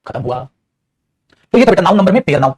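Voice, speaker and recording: A man teaching English grammar in an animated, teasing classroom style, often calling his students "beta". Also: high voice, quick pace, slightly rough. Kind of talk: lively classroom lecture. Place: studio.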